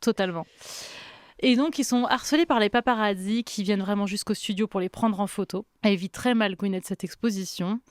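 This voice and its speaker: A young woman hosting a podcast, telling a story in a lively, chatty way with quoted asides. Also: medium pitch, a little fast, no room sound. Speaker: podcast host. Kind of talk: casual storytelling chat.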